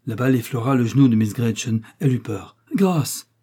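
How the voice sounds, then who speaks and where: A man reading a wartime spy novel aloud as steady scripted narration, shifting his voice a little for the dialogue. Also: mid-range voice, fast talker, husky. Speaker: audiobook reader.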